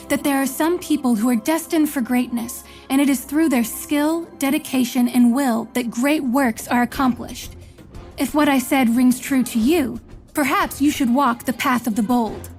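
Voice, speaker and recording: A woman with a high, darkish voice voices a solemn, commanding visionary mentor in a fantasy game, a figure who recruits chosen leaders. Her scripted lines come out measured, portentous and rhetorical.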